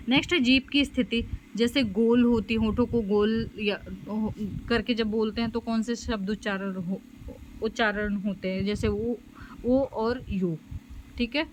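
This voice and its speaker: A woman's voice: medium pitch, unhurried, a little hiss or hum, poor audio. A woman teaching a special education lecture and explaining slides, with lots of fillers and "okay?" checks. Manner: explanatory, frequent fillers and "theek hai" checks. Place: home.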